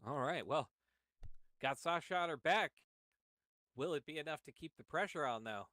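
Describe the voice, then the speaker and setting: Bright-voiced male wrestling commentator. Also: on the high side, no room sound. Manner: excited, calls moves quickly. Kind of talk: play-by-play commentary.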